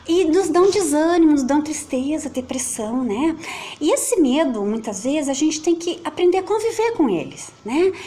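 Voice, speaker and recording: This teacher's warm, high voice has a lively intonation and a moderate pace. Speaking with a Brazilian Portuguese accent, she reads a children's story playfully in a sing-song style, at home with children and a pet nearby.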